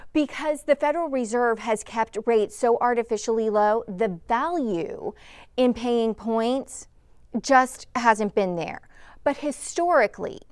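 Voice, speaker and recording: Smooth, higher-voiced American woman explaining. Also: a little mellow, no echo. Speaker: mortgage loan officer guest. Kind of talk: explanatory interview talk.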